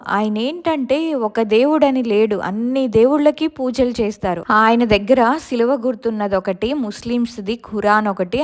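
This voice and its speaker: Woman narrating her own real ghost story, steady plain tone. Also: on the high side. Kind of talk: retelling a personal ghost experience.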